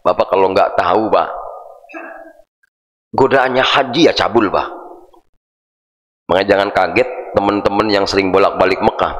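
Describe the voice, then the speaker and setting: A middle-aged man giving a lively dawn sermon in a mosque, often calling his listeners "Pak". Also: a little high. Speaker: preacher. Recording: echoey mosque hall.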